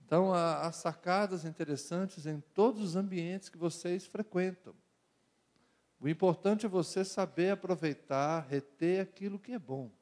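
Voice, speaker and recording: A middle-aged Brazilian pastor with a Brazilian Portuguese accent preaches to young people in a loose, conversational style, mixing jokes with rhythmic repeated phrases. His voice is a little high for a man and a little mellow, at normal speed.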